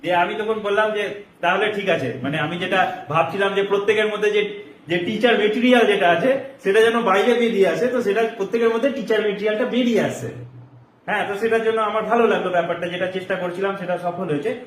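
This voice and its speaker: A high-voiced man with a Murshidabad Bengali accent teaches a class, explaining points with examples and checking understanding. He is recorded from across an echoey classroom, with faint noise behind him. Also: fast talker. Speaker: coaching teacher. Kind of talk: classroom coaching talk. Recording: echoey room, mic far off.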